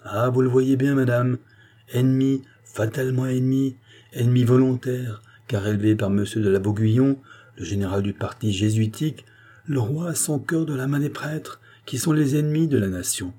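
A man's voice: mid-range voice, moderate pace, warm tone, close to an everyday voice. A man voicing an earnest male politician who urgently explains and warns a queen, in a French audiobook reading.

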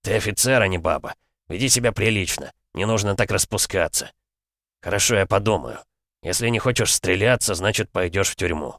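A man's voice: sits low, fairly quick, dry recording, clean studio sound. Role: a man voicing a cynical, domineering police chief. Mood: stern. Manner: stern, scolding, falsely gentle.

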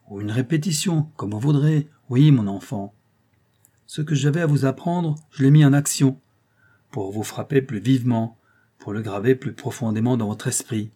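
A man's voice: mid-range voice, mellow, natural voice. A man reading an audiobook voices a scheming old male clerk who speaks in a paternal, ironic and emphatic way.

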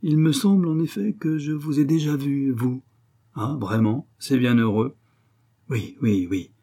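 A man voicing a drunk master locksmith who mumbles and stammers, his voice often raised higher and louder than his narration. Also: a little slow. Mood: confused, wary.

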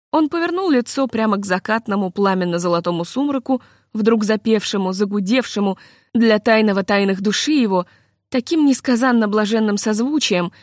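A woman reading a literary story aloud in a measured, expressive way. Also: medium pitch, no room sound, clean studio sound. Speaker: audiobook narrator.

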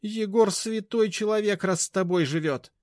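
A man voicing a feisty, sharp-tongued older grandmother who scolds scornfully and bossily. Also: high-pitched, sing-song, brisk, dry recording, studio quality, voice pushed up. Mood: scolding.

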